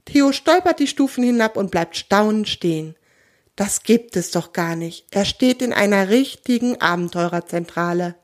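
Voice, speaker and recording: A woman reading a children's audio story aloud in a gentle, expressive way. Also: mid-range voice, normal speed.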